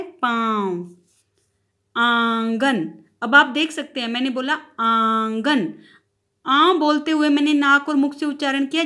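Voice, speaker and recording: A woman teacher giving a slow grammar lesson to young children, drawing out example words for them to repeat. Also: high-pitched, a bit bright. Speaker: primary school teacher.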